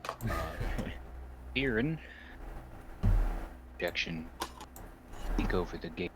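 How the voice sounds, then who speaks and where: A man playing a tabletop game over a lagging voice chat, his words chopped off and cutting out as he talks haltingly. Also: low voice, sing-song. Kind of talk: casual online game chat. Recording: noisy online voice chat.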